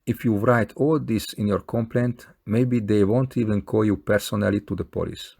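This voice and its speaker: Male video maker, Hungarian accent, lowish gravelly voice, earnest and plain-spoken direct appeal. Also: a little mellow. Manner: earnest, plain-spoken, non-native phrasing. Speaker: video maker appealing to fellow scam victims. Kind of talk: scripted appeal to camera.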